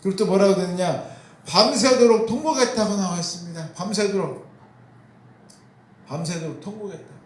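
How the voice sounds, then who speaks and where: Pausing often, a pastor with a high, darkish voice preaches at normal speed. He poses questions to his congregation, answers them himself, and hammers home key phrases through repetition, all in a roomy, echoing space.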